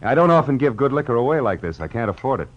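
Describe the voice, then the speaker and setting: An actor playing a wry, hard-boiled American private detective with clipped, sardonic delivery, in 1940s radio noir style. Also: male voice, mid-range voice, very animated, fast, natural voice. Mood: wry probing. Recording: dull old radio recording.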